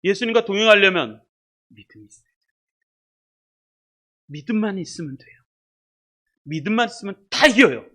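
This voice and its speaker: A pastor delivers a sermon with a lively, swooping voice. The delivery is dramatic, swinging from loud emphasis to near-whispered asides. The speaker repeats single words for weight and puts rhetorical questions straight to the congregation. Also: medium pitch, moderate pace, pauses often. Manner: addresses the congregation directly and asks rhetorical questions.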